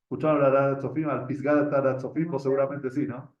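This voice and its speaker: In a flat, fast, mid-range voice, a man with an Argentine Spanish accent relates a religious story to a group as their teacher. Repeated words fill his frequent pauses as he looks for what comes next, and he asks the listeners questions. An echoey room and dull lo-fi quality mark the recording.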